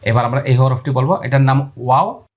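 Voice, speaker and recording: In a brisk, medium-pitched voice, a man gives a spoken lesson on letter pronunciation for the Quran, saying each sound aloud again and again while telling viewers to keep their eyes on his mouth.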